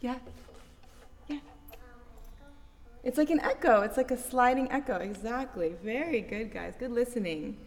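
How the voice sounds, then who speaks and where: A woman's voice: fairly high pitch, expressive, measured pace, pauses often. A woman teaching children about music, playing for them and asking encouraging questions. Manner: encouraging, asks the class questions. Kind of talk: classroom music demonstration. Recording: reverberant hall. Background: instrument music.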